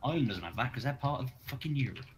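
A man's voice: medium pitch, animated, racing, very noisy. A young man joking crudely and swearing while playing an online shooter with friends. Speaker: gamer. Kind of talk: casual gaming chat.

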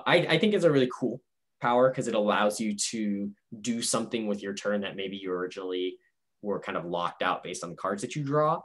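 Low-pitched man explaining a board game. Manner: rambling, step-by-step explaining. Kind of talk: casual explanatory review chat. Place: indoor video call. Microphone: video call.

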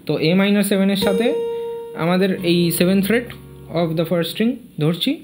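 A man with a voice that sits high teaches a fingerstyle guitar lesson, taking it slowly. He counts beats, names notes and sings snatches of the melody while loud guitar plays along.

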